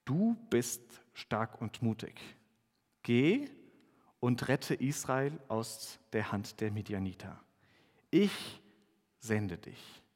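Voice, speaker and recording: A calm, solemn divine messenger, read by a man, slow and hushed in delivery. His mid-pitched voice rings out in a long church reverb. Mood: commanding. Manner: slow, low and quiet, reassuring.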